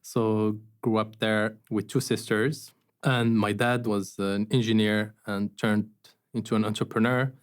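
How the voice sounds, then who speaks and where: A man from Morocco, a company founder, talking in a relaxed interview and telling stories with fillers and restarts. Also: on the low side, measured pace, clean tone. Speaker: guest, startup founder. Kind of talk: casual interview conversation.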